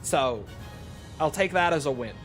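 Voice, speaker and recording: Streaming a game, a man with a fairly high, slightly bright voice chats casually with viewers at a measured pace and with lively intonation. He rambles, pokes fun at himself, and swears casually while answering them, with soft music underneath.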